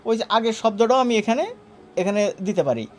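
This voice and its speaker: In this live online demo, an animation instructor with a Bangladeshi Bengali accent keeps things casual and chatty, narrating each click for his students. He speaks at a normal pace in a high-pitched, sing-song voice.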